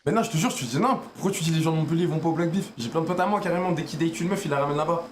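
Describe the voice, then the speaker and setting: A man's voice: on the high side, racing, a crowd in the background. A man with a Parisian French accent chatting casually and flirtatiously in teasing slang, as a streamer talking with strangers.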